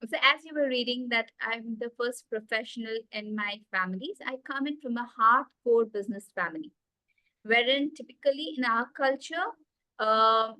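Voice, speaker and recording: An executive coach with an Indian accent, appearing as a guest on a video call from a small indoor room, tells her story eagerly with plenty of fillers and asides. Her voice sits a bit high, bright and forceful. The low-quality recording is dry and close, with no echo.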